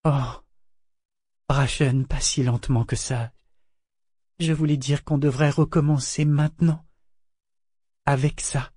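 A man's voice: a little high, fairly even intonation, slow, long pauses, darkish tone, breathy edge, no room sound, voice pushed up. A man voicing a young woman who pleads in a breaking voice. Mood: hopeful. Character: young woman, distraught then pleading and tender.

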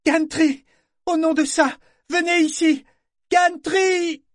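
A man's voice: fairly even intonation, slow, dry recording, clean studio sound. A man playing a screaming wooden ship figurehead woman. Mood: terrified. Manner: shrill, frantic screaming. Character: terrified female living ship figurehead.

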